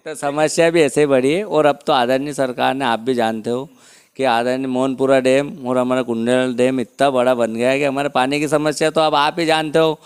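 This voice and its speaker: A man speaking with a tinge answers an interviewer's accusations as village head. He is insistent and keeps repeating rhetorical questions to defend himself. His voice is smooth and clear at an average pitch. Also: fairly even intonation, normal speed.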